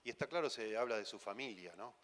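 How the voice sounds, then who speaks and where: A man's voice: on the low side, fast talker, a bit bright. A man with an Argentine accent preaching a conference sermon, conversational and teasing, full of rhetorical questions. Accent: Argentine Spanish. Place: conference hall. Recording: long hall reverb.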